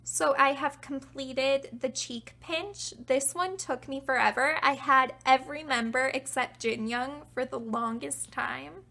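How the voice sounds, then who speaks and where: A young woman with a high, sharp voice casually shows and tells her collection, chatty and self-deprecating. After talking a while, her voice grows raspy.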